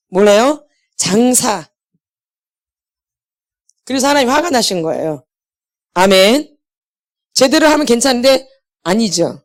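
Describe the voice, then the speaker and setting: A middle-aged woman preaching to her congregation. She keeps asking them questions and answers them herself. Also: a little high. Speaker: pastor's wife leading a healing meeting. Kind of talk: sermon.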